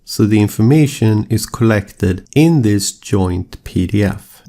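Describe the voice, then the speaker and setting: A man explaining statistics as a lecturer, in a measured, steady, explanatory way. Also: on the low side, vocal fry. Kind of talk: scripted lecture narration.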